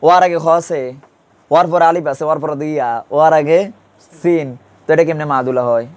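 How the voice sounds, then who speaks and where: A man's voice: a little high, brisk, darkish tone. Man teaching grammar, quizzing his class. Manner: quizzes students with repeated questions; colloquial, patient, drills pronunciation. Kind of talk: classroom lesson.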